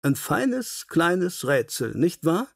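A male audiobook narrator voices a self-assured Victorian detective, courteous, keen, pleased and curious. He speaks formally and briskly in a slightly high, husky voice with big pitch swings, heavily acted and recorded dry.

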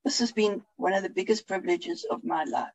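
A man's voice: high voice, a little fast, creaky, low-quality recording. A man attending a video call, thanking the organisers effusively. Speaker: grateful attendee.

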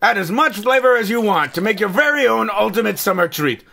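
Man playing a gravelly, high-pitched manic superhero toy. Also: animated, fairly quick, pushed and bright, heavily acted. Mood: upbeat showy. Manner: exaggerated, theatrical delivery. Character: manic self-important superhero action figure reviewing toys, comically neurotic. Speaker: toy reviewer. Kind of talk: comedic scripted toy review.

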